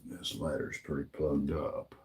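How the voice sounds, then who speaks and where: A man hosts a live stream, repairing a lighter while talking plainly and slowly, half muttering to himself as he works. His voice is rumbling low and darkish, with a completely flat delivery.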